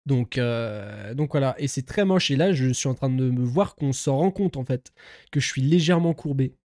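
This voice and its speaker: A man's voice: mid-range voice, lively intonation, moderate pace, darkish tone, no room sound, studio quality. Man rambling casually on a live stream. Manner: rambling, filler-heavy, laughs at himself, swears often.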